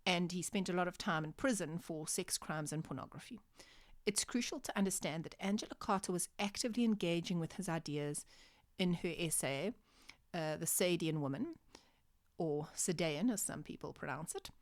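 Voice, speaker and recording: A woman giving a literature lecture to her students, explaining clearly with measured pauses for emphasis. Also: lowish voice, no echo, clean studio sound.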